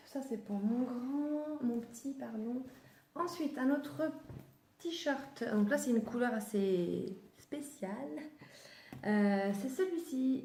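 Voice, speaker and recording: In an echoey room, a woman chats her way through a haul of kids' clothing, often breaking off to fix what she just said. Her voice sits a little high and has a mellow quality.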